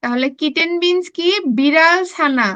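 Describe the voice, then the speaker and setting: Preschool teacher, woman, Bangladeshi Bengali accent, high voice, patient slow spelling drills, muffled recording. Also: pushed and bright. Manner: slow drilled spelling, coaxing children to repeat. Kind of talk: classroom lesson, spelling aloud.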